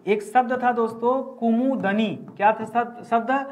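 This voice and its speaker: A man's voice: very high voice, steady tone, a little slow, a little mellow. A man teaching a grammar class, asking each answer back to his students and repeating it. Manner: repeats each word as a question to the class, addresses students as friends. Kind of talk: classroom lesson at a board.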